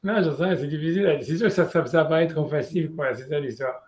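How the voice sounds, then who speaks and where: A man's voice: a little high, fast talker, darkish tone. A middle-aged man in casual chat, rambling with many restarts as he explains his study groups.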